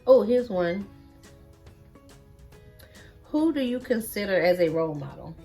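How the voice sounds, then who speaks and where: A woman's voice: mid-range voice, lively intonation, a little slow, warm tone, faint music behind. A woman co-hosting a casual chat, asking questions in an informal, teasing way.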